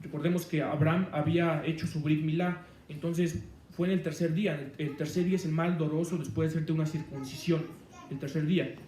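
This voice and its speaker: A man's voice: on the high side, steady tone, brisk, a little mellow, echoey room, far from the mic, slight background noise. A man preaching a sermon on the weekly Torah portion, rambling, with many fillers and restarts.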